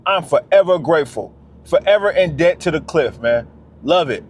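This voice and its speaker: High-voiced man venting to camera. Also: expressive, normal speed, a little hiss or hum. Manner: emphatic, repeats phrases, slangy. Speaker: vlogger. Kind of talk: casual monologue vlog.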